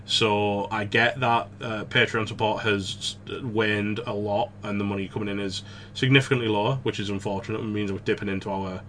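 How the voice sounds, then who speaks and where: Chatty male podcast co-host, bright tone, low-ish voice, laughs easily. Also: fairly even intonation, a little hiss or hum. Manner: chatty and rambling, quick to laugh. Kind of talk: casual gaming podcast chat.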